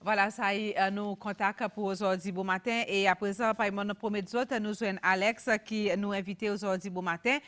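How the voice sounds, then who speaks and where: A woman's voice: medium pitch, steady tone, normal speed, few pauses, a bit bright. A woman runs a radio interview in a studio. She chats along loosely, breaks off with hesitant fillers, and laughs easily with her guest. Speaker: radio show host.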